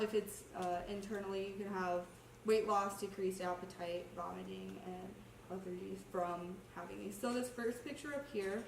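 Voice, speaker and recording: Young woman, student presenter, sick with a cough, hesitant casual explaining, echoey room, faint background noise. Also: medium pitch. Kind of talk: informal slide presentation. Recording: roomy, distant mic, faint noise.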